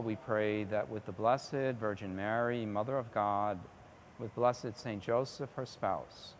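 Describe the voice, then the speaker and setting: Solemn priest praying, clear background noise. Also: male voice, fairly low pitch. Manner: solemn, measured phrasing with pauses. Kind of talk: liturgical prayer recited aloud. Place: church during a Sunday Mass.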